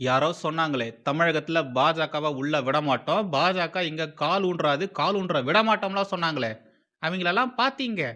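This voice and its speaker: A man's voice: on the high side, normal speed, bright, forceful tone. A man from Tamil Nadu giving heated, scornful political commentary as a channel host.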